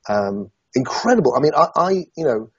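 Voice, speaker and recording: Here an interview guest, a middle-aged Somerset man, talks things over thoughtfully, stumbling and restarting often yet livening up as he tells a story. He has a husky, mid-range voice and a quick delivery, captured in a dry, dull-sounding recording.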